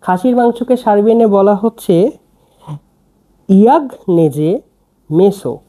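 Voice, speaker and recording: Language teacher, very slow delivery, dark mellow tone, spells out letters, repeats phrases. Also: mid-range voice, expressive.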